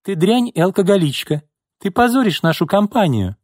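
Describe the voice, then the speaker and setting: A male narrator voicing a haughty middle-aged businesswoman who turns shrill and furious. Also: animated, normal speed, darkish tone, no room sound, studio quality, lightly acted. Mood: screaming. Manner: cold and haughty, turning to screaming fury.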